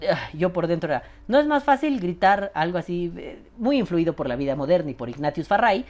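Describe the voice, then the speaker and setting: This show host is a man in his thirties whose high-pitched voice moves fairly quickly through a casual, profane rant. His accent is Mexican Spanish, and he's animated, frequently imitating the voices of other people.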